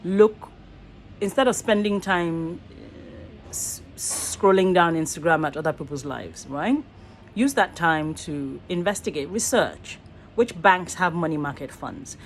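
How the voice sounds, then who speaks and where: A woman's voice: fairly low pitch, animated, measured pace, slight background noise. A middle-aged Nigerian woman, an actor and voice artist, musing in a rambling, earnest selfie vlog from a small room, often stopping to rephrase herself. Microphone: phone at arm's length.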